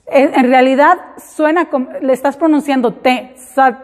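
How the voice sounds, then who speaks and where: A woman teaching a class, explaining slowly and repeating example words in English. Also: sits high, fairly even intonation, darkish tone. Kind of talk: classroom lesson. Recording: hall reverb.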